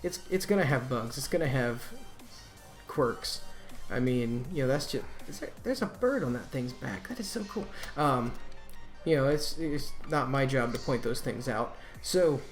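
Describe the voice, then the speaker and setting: Male Let's Play host, mid-range voice, easygoing and chatty, soft music underneath. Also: mid-range voice, animated, a little slow. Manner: laid-back, rambling. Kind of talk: casual gameplay commentary.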